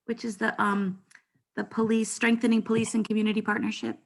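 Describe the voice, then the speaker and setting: A woman's voice: a little high, level tone, a little fast. Wry, matter-of-fact woman on a council call. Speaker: council member. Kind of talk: casual meeting chat. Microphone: video call.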